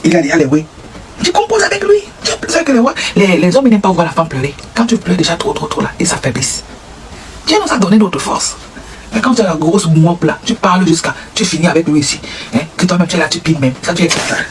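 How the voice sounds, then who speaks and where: A man's voice: on the high side, fast. A man with a Cameroonian French accent giving comic advice, acting out little dialogues and sound effects. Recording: noisy recording.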